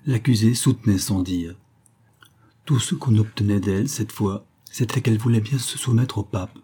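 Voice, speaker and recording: A man narrating a history book as an audiobook, in a measured, even reading. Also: on the low side, slightly rough.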